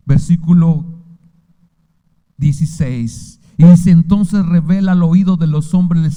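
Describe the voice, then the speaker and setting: Fervent Mexican pastor in a reverberant hall. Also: male voice, a little high, dark tone. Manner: fervent preaching with rhetorical questions. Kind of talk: sermon.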